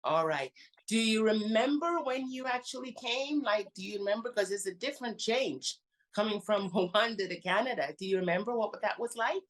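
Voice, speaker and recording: A woman hosting an interview show, warmly calling her guest honey and hon as she asks questions. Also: mid-range voice, normal speed. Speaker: show host.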